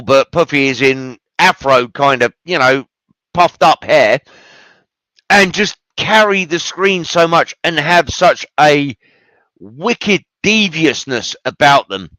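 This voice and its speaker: A man's voice: on the high side, lively intonation, takes it slowly, sharp tone, dry recording, rough recording. A man hosting a show, giving casual, enthusiastic film commentary with rambling asides and free swearing. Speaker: podcast host.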